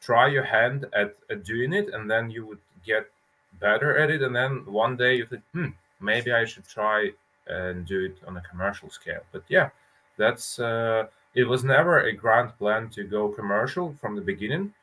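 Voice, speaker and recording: A man's voice: fairly low pitch, normal speed, bright, forceful tone, poor audio. A man from Lithuania, a brewery founder, chatting casually and telling his story with self-mocking jokes over a call mic. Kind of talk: casual chat.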